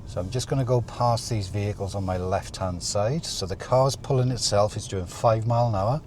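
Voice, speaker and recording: Low-voiced male driving instructor. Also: normal speed. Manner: calm step-by-step driving instructor delivery. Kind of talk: instructional talk-through while driving. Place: inside a moving car. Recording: car interior with faint vehicle noise.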